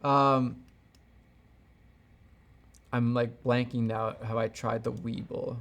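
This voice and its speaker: A camera gear YouTuber hosts a livestream, talking casually and slowly in a medium-pitched, slightly bright voice with plenty of vocal fry and little pitch movement. He rambles and thinks aloud, often doubling back on his thoughts, in an unscripted, conversational way, like a creator answering viewers' questions.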